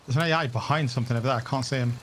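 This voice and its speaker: A man playing a tactical shooter as a teammate, giving calm, matter-of-fact callouts and directions. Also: mid-range voice, racing, background noise. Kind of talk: casual gameplay chat and callouts. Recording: loud game sounds behind.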